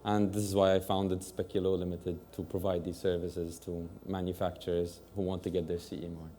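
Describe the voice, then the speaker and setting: A man speaking as a consultant on a conference panel, steady and with some fillers. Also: deep voice, a little fast, slight background noise.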